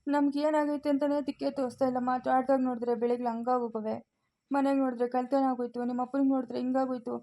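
Woman doing a confused village dad, talks fast, says the same thing over and over, kinda dark mellow voice. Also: sits high, level tone. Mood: helpless. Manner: insistent, repeats himself. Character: dazed middle-aged village father, restless. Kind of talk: family village drama.

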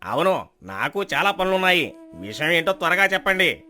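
A man's voice: on the high side, big pitch swings, moderate pace, full character voice. Man doing an impatient, proud landlord. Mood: indignant. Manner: loud, impatient outbursts.

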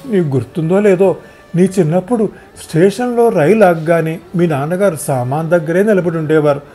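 A man's voice: on the high side, expressive, moderate pace, dark tone, slightly rough, pitched above the performer's own voice. A man voicing a talkative, meddling elderly mother in a wheelchair, fussing over everyone in a storybook reading. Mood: chatty.

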